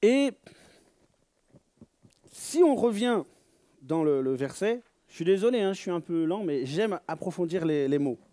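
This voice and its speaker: A man giving a slow religious teaching, searching for words, repeating them and stressing key words loudly. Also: high voice, lively intonation, no room sound, studio quality. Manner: reads Hebrew phrases aloud.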